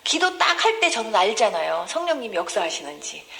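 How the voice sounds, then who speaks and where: A woman pastor preaching a testimony sermon in a church, emotive, breaking into high gasps and cries as she acts out scenes and questions the congregation. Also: sing-song, fairly quick, vocal fry, sharp tone. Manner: addresses congregation directly with questions.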